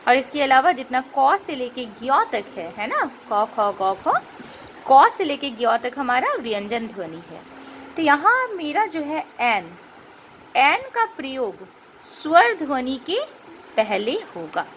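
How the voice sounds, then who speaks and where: A woman teaching a grammar lesson. She explains patiently, checks in with rhetorical questions, and spells out and repeats sounds slowly. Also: sits high, very animated, fairly bright tone, a little hiss or hum.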